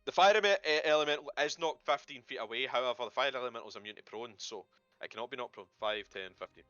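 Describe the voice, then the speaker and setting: A man's voice: medium pitch, fast, bright, forceful tone, no echo, highs cut off, soft background music. A man running a tabletop game, thinking aloud and swearing casually. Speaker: game master.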